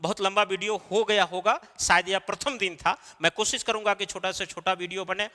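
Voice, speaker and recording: A man's voice: high voice, fairly even intonation, a little fast, sharp tone, big-room sound. A man teaching an exam-preparation class, explaining step by step and answering his own questions. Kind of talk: recorded lecture.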